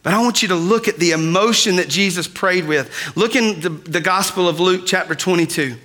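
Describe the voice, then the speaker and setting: A man preaching a sermon, shifting between quiet, drawn-out lines and loud cries. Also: high voice. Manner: dynamic, swings from soft to loud. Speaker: pastor.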